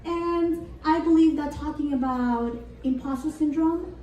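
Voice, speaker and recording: A young woman from Argentina, a native Spanish speaker, gives an earnest, reflective conference talk in a high, mellow voice. She sounds a little off the mic, and the hall around her is roomy and echoing. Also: a little slow, far from the mic, slight background noise. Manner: earnest and reflective, with light laughs. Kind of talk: prepared motivational talk.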